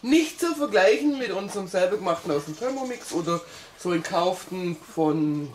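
Easygoing woman, low voice, roomy echo. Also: normal speed, slight background noise. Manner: relaxed and easygoing, gives an informal verdict. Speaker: host's partner giving feedback. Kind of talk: casual chat.

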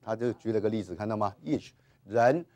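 A man's voice: fairly low pitch, fairly quick, a little mellow. A man teaching Hebrew grammar in a classroom lecture, dropping in English terms and many "ah" and "ha" fillers. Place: classroom with whiteboard.

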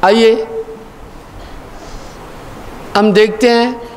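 High-voiced man preaching in a reverberant hall. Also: flat delivery, a little hiss or hum. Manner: sings verses in slow chant; earnest, questioning, explanatory. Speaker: spiritual teacher. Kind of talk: spiritual discourse.

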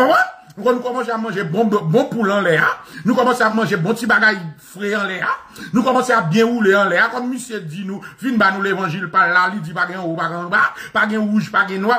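A Haitian man with a Haitian Creole accent delivers a mocking political monologue that keeps circling back on the same phrases. His voice sits high and rings bright and forceful. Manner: animated and mocking, repeats phrases, often laughing.

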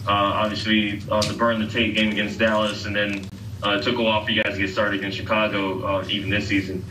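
A man's voice: lowish voice, flat delivery, fast. A man reporter asking long, detailed questions at a press conference. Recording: roomy and distant, noisy.

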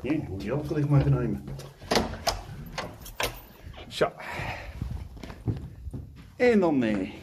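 Medium-pitched and slow, with big swings in pitch and frequent pauses, this man's voice comes through a very noisy recording. He's an urbex vlogger in his forties, holding the camera at arm's length and thinking aloud with lots of fillers as he rides a scooter outdoors before heading home through an indoor stairwell.

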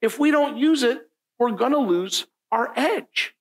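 Preaching from a lectern indoors in a church room, this middle-aged Italian-born pastor has an extremely high-pitched, expressive voice and a measured pace. His sermon is casual and conversational, sprinkled with "right?" and repeated key lines for emphasis.

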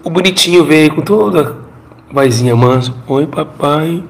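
A man's voice: on the high side, expressive, moderate pace, creaky, slight background noise. A middle-aged Brazilian man and former pastor gives an emotional testimony. He tells the story dramatically, repeats his phrases and has the audience repeat after him.

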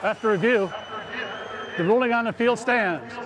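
A man's voice: sits high, moderate pace, music in the background. A man making a formal, declarative referee ruling announcement over a stadium public address system. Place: outdoor football stadium.

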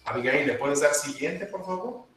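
A man's voice: on the high side, normal speed, far from the mic, background noise. Male teacher, patient step-by-step delivery, very echoey room, a bit off-mic. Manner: patient, step-by-step, repeats instructions. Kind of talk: online class instruction.

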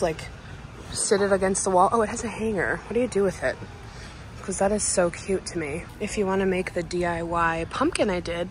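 A young woman talking excitedly to her viewers while filming herself shopping in a large store, gushing over items she finds. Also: lowish voice, background noise. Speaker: lifestyle vlogger. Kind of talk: casual shop-with-me vlog. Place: large retail store, indoors. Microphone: handheld phone at arm's length. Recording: in-store background ambience.

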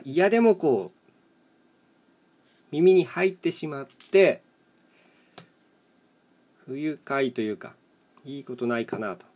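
This solo mahjong chat host and live streamer has a voice pitched a bit higher than the typical man's, slightly mellow and husky. Chatting casually over his tiles, he thinks out loud in short bits and stays plain and matter-of-fact.

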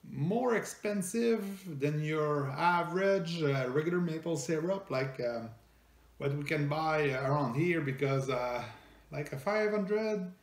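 A middle-aged man with a French Canadian accent, a native French speaker, reviewing a product in casual talk, halting with many fillers and restarts. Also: sits high. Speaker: food reviewer host. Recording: echoey room.

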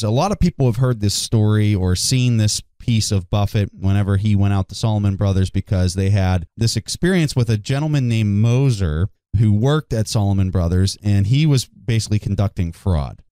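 A man co-hosting a casual podcast, speaking with a low, mellow voice. He tells stories with emphatic enthusiasm. The sound is dry and close, with no room echo. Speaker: podcast co-host.

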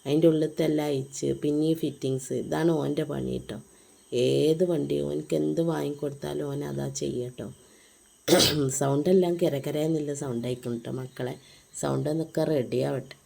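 In a casual home vlog about her family, a woman with a Malappuram Malayalam accent talks to viewers in a low, creaky, dark-toned voice. She keeps up a chatty flow peppered with tag words aimed at her audience.

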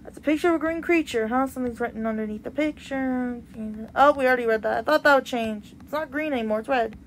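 A woman streaming a game live, reading the on-screen text aloud and reacting with excitement. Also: high voice, quick pace. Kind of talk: live gameplay commentary. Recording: loud insect and cricket noise behind.

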